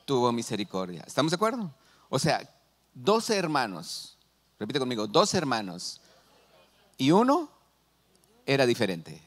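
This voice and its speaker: A man's voice: mid-range voice, a little slow, pauses often. A middle-aged man with a Mexican Spanish accent, preaching a sermon as pastor and asking the congregation questions. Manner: animated, asks the congregation questions.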